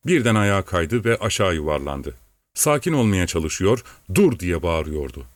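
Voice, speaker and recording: A man calmly reading a story aloud in measured, steady audiobook narration. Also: sits low, dry recording.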